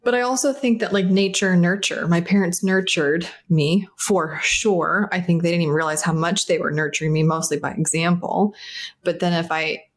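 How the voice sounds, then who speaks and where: A woman from South Florida, a founder guesting on a podcast, talking in a candid, animated way and laughing often. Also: lowish voice, normal speed, breathy edge. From South Florida, United States. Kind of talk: casual podcast interview.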